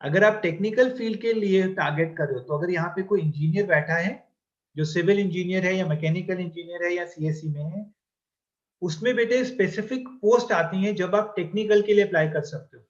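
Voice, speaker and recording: A male exam-coaching teacher lectures his class in a high, brisk voice, mixing Hindi with English and fondly calling his students "beta." He checks in with the class often, and the recording has its highs cut off.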